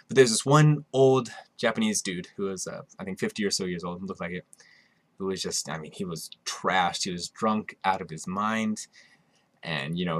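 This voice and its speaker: A man's voice: deep voice, a bit bright, dry recording. A man hosting a podcast, telling a story in a rambling, casual way with many restarts and asides. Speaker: podcast host; musician.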